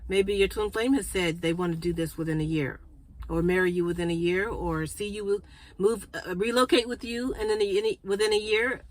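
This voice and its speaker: A woman hosting a spiritual card reading for her viewers, chatty and congested, clearing her throat and often checking in with "okay?". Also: medium pitch, steady tone, normal speed, rough recording. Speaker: spiritual card reader and channel host.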